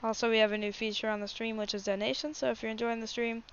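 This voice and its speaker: A woman's voice: a little high, level tone, fast, smooth. A woman hosting a livestream, giving casual, chatty live commentary and speaking directly to her viewers. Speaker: livestream host. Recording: dull lo-fi mic with faint noise.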